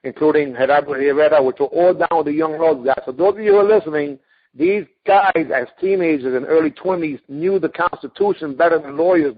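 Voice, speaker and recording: A man hosting a casual radio interview, telling stories with lively acted-out quotes. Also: a little high. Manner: animated storyteller, acts out quotes. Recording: phone-like radio audio.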